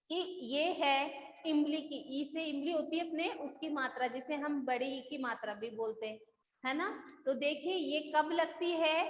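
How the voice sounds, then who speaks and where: A woman Hindi teacher with a high voice gives a classroom lesson, posing each question and then answering it herself while fondly calling her students "beta." The room is echoey with a long reverb, and there's slight background noise.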